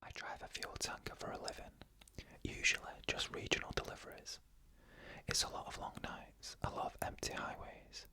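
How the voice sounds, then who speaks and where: An ASMR storyteller narrates creepy first-person tales in a soft, unvoiced whisper. The phrasing is slow and measured.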